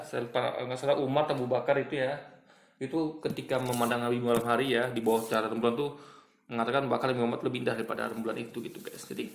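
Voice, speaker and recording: Man, rapid delivery, roomy echo, argumentative commentary, talks straight to viewers. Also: medium pitch, creaky. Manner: repetitive, addresses viewers as "guys", many restarts. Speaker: commentator responding to online posts.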